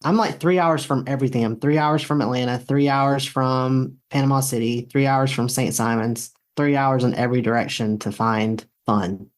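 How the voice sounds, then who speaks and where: A young man from South Georgia, a guest on a podcast, telling his story in a relaxed, good-humored way. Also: medium pitch, normal speed, hardly any pauses. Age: young adult. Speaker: guest, author and speaker. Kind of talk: casual interview.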